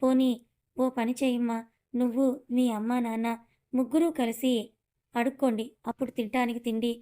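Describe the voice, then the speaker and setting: A woman's voice: on the high side, steady tone, normal speed, mellow, close to an everyday voice. Woman doing a mocking, scornful older aunt. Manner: mocking, scolding.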